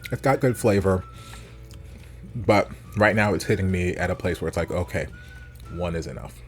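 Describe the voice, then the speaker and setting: An American man chatting casually as a food vlogger, rambling informally and thinking out loud. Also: deep voice, moderate pace, soft background music. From United States. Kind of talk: casual rambling chat to camera.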